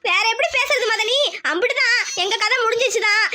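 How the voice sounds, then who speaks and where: A middle-aged village mother in a cartoon, played by a woman moans in hopeless despair. Her voice is very high and bright. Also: fairly quick, exaggerated voice. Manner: wailing, hopeless.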